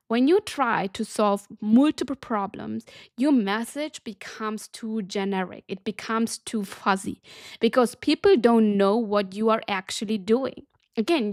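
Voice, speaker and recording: A woman's voice: on the high side, dry recording, clean studio sound. A woman business coach teaching a lesson, emphatic and direct, often checking in with her listeners. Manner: emphatic, keeps checking in with "okay?".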